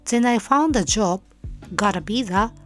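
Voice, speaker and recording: A young Japanese woman hosting her own podcast, reading a prepared self-introduction in careful, measured non-native English. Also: medium pitch, lively intonation, faint music behind. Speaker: podcast host. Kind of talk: scripted solo podcast narration.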